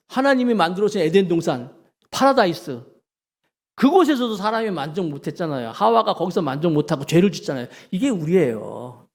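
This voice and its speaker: A man preaching a sermon as pastor, telling a story and acting out the voices of its people. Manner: storytelling preacher, acts out quoted voices with lively pitch swings. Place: church sanctuary.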